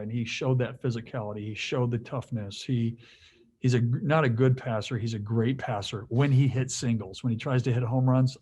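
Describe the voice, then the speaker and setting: A man's voice: mid-range voice, darkish tone. A male head basketball coach answering questions at a postgame press conference, rambling with lots of fillers and restarts, joking now and then.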